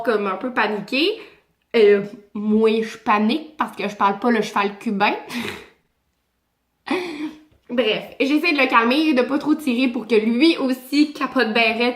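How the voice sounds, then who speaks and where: Animated Québécoise woman, echoey room. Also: a little high. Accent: Québécois French. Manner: animated, slangy, chatty. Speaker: vlogger. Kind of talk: casual storytime.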